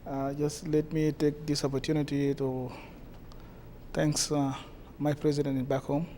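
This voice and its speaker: A man from South Sudan with a South Sudanese accent, answering interview questions haltingly with many pauses. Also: on the high side, flat delivery, mellow, slight background noise. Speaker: guest, community association president.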